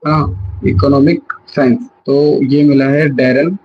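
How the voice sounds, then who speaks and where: A man's voice: medium pitch, fairly even intonation, slow pace, muffled recording, slight background noise. A young man giving a live revision lesson, chatty and self-correcting, mixing English words into his Hindi. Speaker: exam prep teacher.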